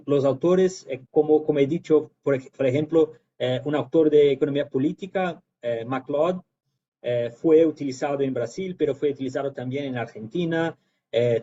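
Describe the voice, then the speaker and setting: A Brazilian man with a Portuguese accent giving informal academic remarks in Spanish mixed with Portuguese, haltingly searching for words as a native Portuguese speaker. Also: medium pitch, warm tone. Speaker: guest lecturer. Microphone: video call. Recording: dull lo-fi online call.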